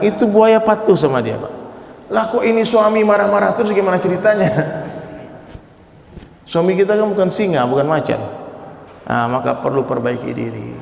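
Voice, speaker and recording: Male preacher, lively and jokey with the congregation, gravelly tone, roomy reverberant hall. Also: a little high, a little hiss or hum. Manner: animated, jokey, coaxes the crowd to repeat. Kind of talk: sermon with Q&A.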